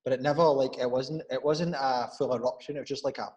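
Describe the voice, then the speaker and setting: A man's voice: mid-range voice, steady tone, fast talker, darkish tone, lo-fi sound. A young man with a Glaswegian accent, a guest on a casual podcast, telling rambling stories, swearing freely and laughing often. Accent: Glaswegian Scottish. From Scotland.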